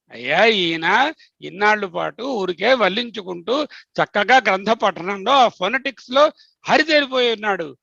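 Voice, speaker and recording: A man's voice: high-pitched, gravelly, bright, forceful tone, dry recording. A man teaching a scripture lesson, asking himself questions and answering them, mixing in English words. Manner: mixes English words into explanations. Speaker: teacher leading a study session. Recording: dull lo-fi sound.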